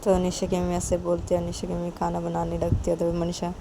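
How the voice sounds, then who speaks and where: A woman's voice: lowish voice, monotone, a little fast, noisy background. A woman narrating a casual spoken story in long, repetitive run-on sentences.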